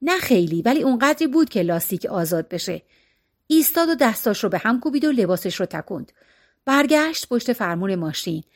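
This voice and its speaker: A woman narrating a story in a steady storytelling voice, shifting expressively from line to line. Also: fairly high pitch. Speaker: audiobook narrator.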